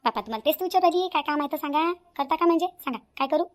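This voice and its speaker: A woman's voice: high-pitched, animated, racing. A woman voicing an eager, helpful young sister-in-law in a cartoon.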